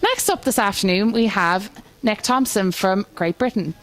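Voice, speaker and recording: A woman interviewing people at an event, asking cheerful, brisk questions. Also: mid-range voice, a little hiss or hum.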